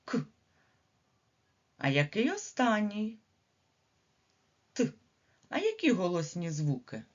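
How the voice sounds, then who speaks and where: A woman with a Ukrainian accent giving a slow early reading lesson to small children, drawing out each sound and syllable. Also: mid-range voice, huge pitch swings. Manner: slow, sing-song, drawn-out sounds for children. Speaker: preschool teacher. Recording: slightly dull lo-fi recording.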